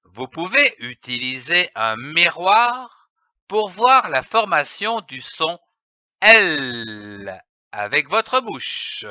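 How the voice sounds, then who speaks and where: A man teaching young children to read, sounding out each letter and syllable with slow, deliberate enunciation and patient repetition. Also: a little high, sing-song, bright, forceful tone, no room sound, lo-fi sound. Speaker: reading teacher. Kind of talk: reading lesson for young children.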